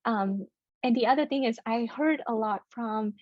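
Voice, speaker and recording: A woman's voice: fairly high pitch, moderate pace, no echo, highs cut off. A young woman from Vietnam, a native Vietnamese speaker, speaking earnestly as a children's book author on a panel, with many fillers and restarts. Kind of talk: panel discussion.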